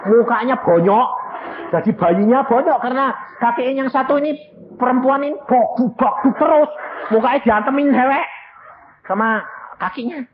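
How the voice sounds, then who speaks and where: A man's voice: normal speed, phone-quality sound, slight background noise. An older man preaching a sermon, telling stories with lots of energy and acting out the voices of the people in them. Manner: animated storytelling, acting out quoted voices, jumps high in pitch; mixes Javanese words into Indonesian, calls the congregation "saudara".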